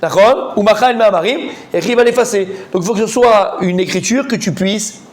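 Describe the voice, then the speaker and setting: Rabbin animé, voix aiguë. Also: male voice, very fast. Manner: animated, quizzes the students, repeats words, rising pitch when excited. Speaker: rabbi teaching a Talmud class. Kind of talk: lively Torah class.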